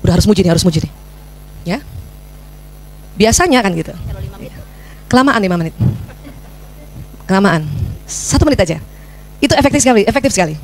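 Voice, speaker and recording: A middle-aged woman giving a religious parenting lecture, lively and teasing her audience with questions. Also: medium pitch, brisk, pauses often, a little hiss or hum. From Indonesia.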